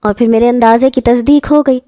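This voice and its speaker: A woman narrating a first-person horror story in a steady, dramatic storytelling manner. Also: fairly high pitch, no echo, clean studio sound.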